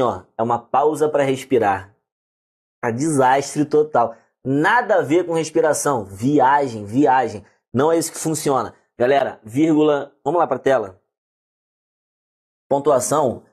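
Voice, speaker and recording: A Brazilian man teaching a lively online grammar lesson, talking straight to the viewers. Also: medium pitch, normal speed, breathy edge. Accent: Brazilian Portuguese. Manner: lively, addresses viewers directly.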